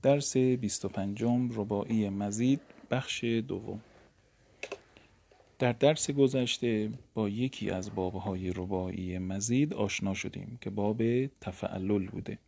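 Gravelly, dark-voiced Persian-speaking male teacher. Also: on the low side, slight background noise. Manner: drills conjugations slowly, then explains in casual speech. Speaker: Arabic grammar teacher. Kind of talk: recorded lesson, reciting verb conjugations.

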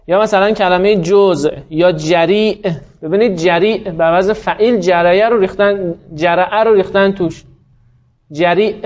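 A teacher lecturing, on a dull lo-fi recording. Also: male voice, high-pitched. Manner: explanatory, asks students questions and answers them himself. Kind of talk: classroom lecture on Arabic spelling. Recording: dull lo-fi sound.

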